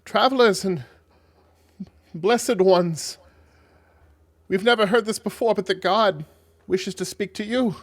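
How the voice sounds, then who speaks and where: A man's voice: high voice, slow pace, pauses often, voice pushed up, full character voice. A man voicing a reverent male herald who delivers a message from his god in an eager, breathless rush.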